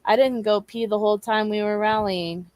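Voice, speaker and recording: Young woman chatting on a livestream, lots of ums, dry close mic, middle pitch. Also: no room sound. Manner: relaxed, halting with many ums. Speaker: co-host of a live advocacy show. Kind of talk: casual chat.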